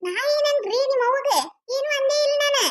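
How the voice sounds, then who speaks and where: A sharp-tongued, put-upon young village daughter-in-law from a cartoon comedy, voiced by a woman. Her voice is very high and squeaky, with a North Karnataka Kannada accent. She fires back complaints at a fast clip. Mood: protesting.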